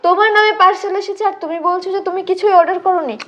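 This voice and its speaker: An actress playing a young wife who questions her husband in a quick, questioning way. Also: extremely high pitch, steady tone, a bit bright. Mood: accusing. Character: young wife, puzzled then suspicious.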